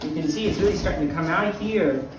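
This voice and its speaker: A man plays a theatrical old vampire count hosting a craft tutorial, talking fast in a natural, slightly high voice with an instructive mood. He keeps digressing into anecdotes, recorded from afar in a very echoey room with music playing underneath.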